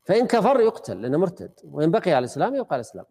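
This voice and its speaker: A man's voice: on the high side, huge pitch swings, racing, dark tone, slightly rough. A man teaching a study circle, explaining a classical text conversationally and quizzing his students.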